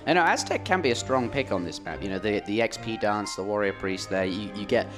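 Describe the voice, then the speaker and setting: Over background music, this studio esports caster speaks briskly in a lowish voice with lively intonation. He's chatty, reads viewer messages out loud, and his voice is strained from days of commentary.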